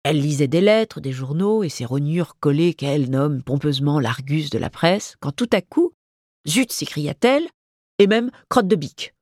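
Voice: mid-range voice, lively intonation, normal speed, few pauses, a little mellow, no echo, clean studio sound. A reader voicing a small, dejected male bulldog who talks in a plaintive, fretful way, in a storybook reading. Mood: telling.

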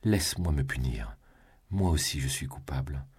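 A guy reading as a devoted young lover, deep husky voice, low and tender, storybook style. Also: expressive, normal speed, heavily acted. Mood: tender earnest.

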